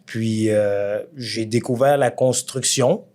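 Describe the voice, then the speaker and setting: Quebec french guy in his 30s, laid back, thinks out loud, lots of little fillers. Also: fairly low pitch, takes it slowly. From Rwanda, raised in Quebec. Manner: relaxed, reflective, with fillers and repeats. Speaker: guest, construction entrepreneur. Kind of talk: casual interview talk.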